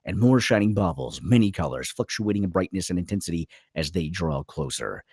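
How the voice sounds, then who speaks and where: At a table read, a man delivers stage directions as dramatic narration in a slightly low, husky voice with very animated pitch. His phrasing is clipped and brisk, and the recording is dry and close with no echo.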